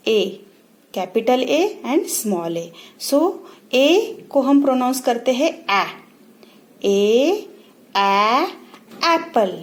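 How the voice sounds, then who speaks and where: A woman teacher giving a phonics lesson to parents, saying each letter sound slowly and repeating it. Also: high-pitched, darkish tone. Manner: slow, repeats sounds for practice.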